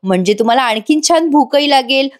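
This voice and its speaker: An eager, bustling household helper woman who rushes to please everyone, voiced by a narrating woman. The voice sits fairly high and quick to offer, told like a storybook retelling. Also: lively intonation.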